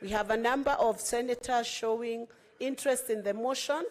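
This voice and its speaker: A woman with a high voice and a Kenyan accent presides over a parliamentary chamber. She speaks formally and firmly, repeating her calls to order to keep control of the debate. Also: moderate pace. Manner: firm, repetitive calls to order.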